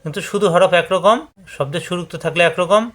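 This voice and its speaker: Guy teaching quran letters, kinda high voice, chants the syllables over and over, corrects you. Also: fast, a bit bright. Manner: drills syllables in repeated chanted patterns, corrects wrong forms; addresses viewers directly with instructions. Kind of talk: step-by-step letter pronunciation lesson.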